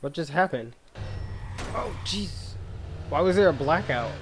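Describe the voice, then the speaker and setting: A man's voice: a little high, animated, measured pace, a little hiss or hum. A man doing casual, slangy gameplay commentary as a let's-play host, thinking aloud. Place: voice-over with game sound and music behind.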